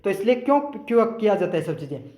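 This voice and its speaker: High-voiced Hindi teacher in an echoey room. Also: male voice, sing-song, fast talker, mellow. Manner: explains each answer with questions to the listener. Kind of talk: exam question walkthrough.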